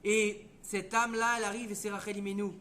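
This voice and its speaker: A man teaching a Torah lesson as a lively story, acting out the voices. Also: sits high, fast talker, slight background noise. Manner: lively, conversational, acts out voices.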